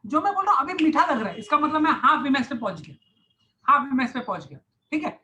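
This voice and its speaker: Male science tutor, online lecture, bright and crisp tone, repetitive step-by-step explaining. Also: very high voice, sing-song, brisk, a little hiss or hum, low-quality recording. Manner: repeats key phrases, mixes English terms into Hindi. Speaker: science teacher.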